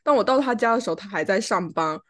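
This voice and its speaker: Speaking fast and animated in a mid-range voice, a podcast co-host shares a personal story from home in casual chat, playing out both sides of an argument.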